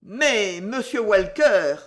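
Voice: medium pitch, lively intonation, takes it slowly. A reader voicing a sly male servant who gushes in an overly sentimental way in an audiobook. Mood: gushing. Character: sly, gushing male servant, falsely tearful. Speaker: character in an audiobook. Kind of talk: audiobook character reading.

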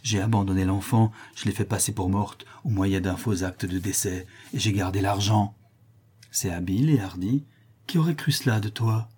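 Guy reading as a cruel scheming notary, low husky voice, confessing crimes, gets frantic. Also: a little mellow. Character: scheming cruel male notary villain, feverish. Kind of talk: audiobook character reading.

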